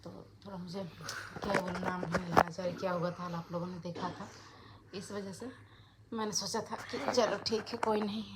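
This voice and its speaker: Soft-spoken woman vlogging at home. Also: fairly low pitch, steady tone. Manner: speaks softly and slowly during a fast. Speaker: family vlogger. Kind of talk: casual vlog talk to camera. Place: home indoors. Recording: home recording with clear background noise.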